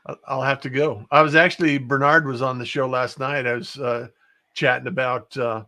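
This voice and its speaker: A man with a medium-pitched voice hosts a relaxed-format chat show. He speaks conversationally in short, measured phrases, pausing hesitantly as he goes. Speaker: show host. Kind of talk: casual conversational hosting.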